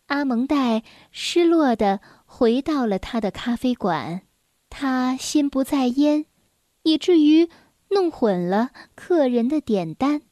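Brief: woman narrating children's bedtime stories, high and gentle, dry close-mic sound. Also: expressive, no room sound. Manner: gentle, unhurried storyteller voice. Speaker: children's story reader.

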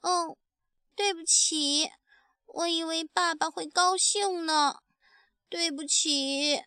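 A woman voicing a sweet, trusting baby ankylosaurus in a storybook, with a high, childlike, chirpy voice. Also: animated, measured pace, pushed and bright, no echo, studio quality, exaggerated voice. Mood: apologetic.

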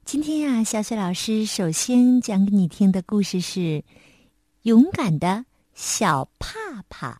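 A woman storyteller narrating a children's story, sing-song and expressive, speaking to little listeners. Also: mid-range voice, a little slow, no room sound, studio quality.

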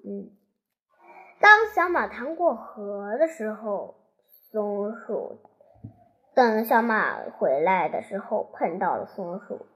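A child storyteller reading a children's tale in a slow, halting way, with restarts. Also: mid-range voice, expressive, muffled recording.

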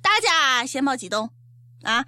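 A woman's voice: sits high, big pitch swings, a little slow, very noisy. A woman with a Shaanxi accent co-hosting a comedy show, giving scripted commentary in a sassy, emphatic way. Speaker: comedic co-host.

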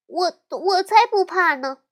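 一位女性在有声故事书里为一只胆小的小熊妹妹配音，说话时声音尖细。. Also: female voice, very animated, a little slow. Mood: defiant. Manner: shrill and frightened when scared. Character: timid little girl bear cub.

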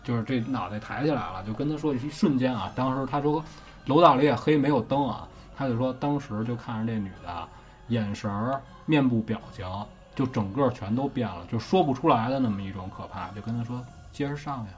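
A man's voice: mid-range voice, a little fast. Chatty Beijing man telling ghost stories. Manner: chatty, swears casually, keeps checking with listener. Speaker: host. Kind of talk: casual storytelling of ghost tales.

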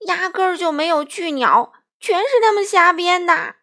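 A man's voice: very high-pitched, moderate pace, sharp tone, pitched above the performer's own voice, full character voice. A woman voicing a lanky, bumbling male thief who grumbles and schemes, in a children's storybook. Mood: grumbling. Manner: greedy, grumbling.

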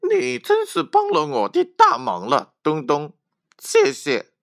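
Male storyteller doing an eager small boy for a children's story, high and lively. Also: moderate pace, heavily acted.

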